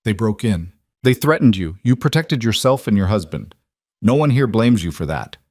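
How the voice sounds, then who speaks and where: A man voicing a calm, firm woman who comforts gently but speaks with authority. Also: lowish voice, moderate pace, dry recording, studio quality.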